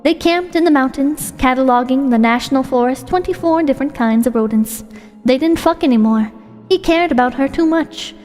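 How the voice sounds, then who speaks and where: A woman's voice: high-pitched, moderate pace, a little mellow. A woman reading a short story aloud as its narrator. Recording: long hall reverb with music.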